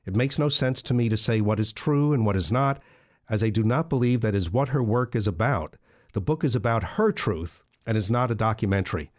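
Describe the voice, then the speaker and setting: A man with a fairly low voice interviewing a guest. He speaks at an unhurried pace with some hesitation, and he laughs readily. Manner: relaxed, hesitant, quick to laugh. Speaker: interviewer host. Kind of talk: interview questions.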